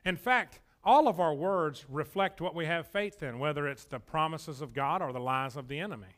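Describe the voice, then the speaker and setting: A pastor with a drawl delivers a folksy, joking sermon. His voice sits high for a man and rings sharp and bright as he presses his points home. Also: normal speed. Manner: folksy, joking, emphatic preaching.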